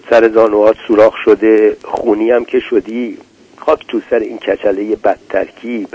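Guy reading as a worried young woman, fussing and scolding softly, audiobook. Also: lowish voice, lightly acted, low-quality recording. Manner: scolding fondly, fussing over wounds. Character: tender fretting young woman.

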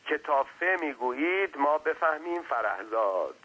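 A man's voice: on the high side, very animated, bright, forceful tone, slightly rough, pitched above the performer's own voice, heavily acted, low-quality recording. A man voicing an irritated master who speaks in short, curt questions. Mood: impatient. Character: impatient grown man, the master.

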